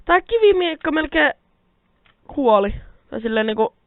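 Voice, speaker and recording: Cursing and complaining as things go wrong, this young-sounding Minecraft let's player chats casually through a let's play, his high voice swinging widely in pitch. He rambles, talks to himself, and addresses viewers. Recorded on a quiet mic held close, the audio is thin, phone-like, and fully dry, with keyboard clicking behind him.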